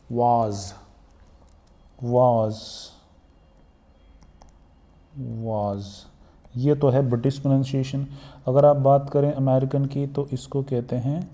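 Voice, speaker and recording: A man's voice: mid-range voice, mellow. A man with an Indian accent teaching English pronunciation for exams, mixing Hindi and English and repeating each word several times. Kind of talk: exam-prep pronunciation lesson.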